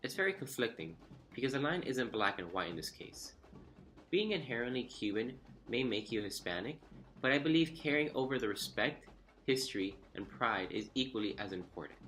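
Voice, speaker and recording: A man's voice: mid-range voice, animated, moderate pace, fairly bright tone. A young man from Miami reading an earnest, reflective personal story as scripted narration. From Miami, Florida. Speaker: student storyteller. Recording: faint music underneath.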